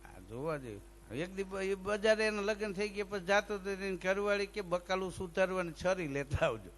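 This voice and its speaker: A folk comedian tells dayro comic stories in a high-pitched voice at a moderate pace, with slight background noise. His lively joke-telling mixes in sung bits and acted lisping characters.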